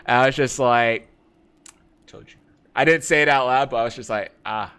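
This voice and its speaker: A man's voice: medium pitch, fast, clear, resonant tone. A man streaming a game, casually telling an anecdote in slangy talk, acting out his friends' lines and laughing often. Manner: relaxed slangy talk, calls people bro and man. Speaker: let's play streamer. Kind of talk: casual storytelling while gaming.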